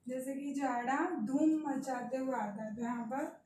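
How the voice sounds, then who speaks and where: A woman's voice: high-pitched, warm tone, slight background noise. A woman teacher with a Pakistani Urdu accent, patiently explaining a lesson to young children. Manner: slow, patient, addresses children directly. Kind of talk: primary school lesson. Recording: echoey room, mic at a distance.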